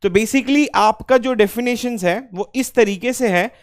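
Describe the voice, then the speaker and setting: A man's voice: very high voice, unhurried, clean tone. A man teaching a class, asking students questions and answering them himself, with English phrases mixed in and key points repeated. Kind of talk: classroom lecture.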